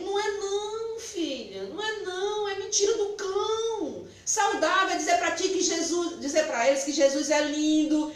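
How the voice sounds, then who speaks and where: A middle-aged woman pastor, preaching an animated, emphatic sermon and laughing at her own remarks. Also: high-pitched. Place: church hall. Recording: echoey hall, distant mic.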